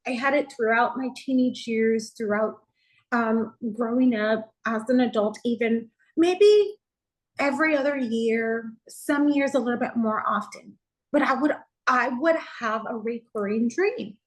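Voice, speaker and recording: High-voiced woman pastor telling her story. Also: a little slow, low-quality recording. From Texas. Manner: earnest, heartfelt storytelling with frequent "you know" fillers. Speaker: pastor sharing her testimony as a guest. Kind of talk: personal testimony in a conversational interview.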